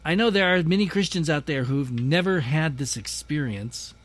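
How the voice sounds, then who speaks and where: A man's voice: fairly high pitch, expressive, normal speed. A man hosting a podcast in a casual monologue, chatty and self-deprecating with a dry, sarcastic humor. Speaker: podcast host.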